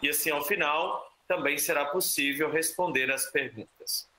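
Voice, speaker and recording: A man with a Brazilian Portuguese accent moderating a seminar, making measured, courteous announcements over an online call. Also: a little high, pushed and bright. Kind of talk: formal event moderation. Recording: echoey room.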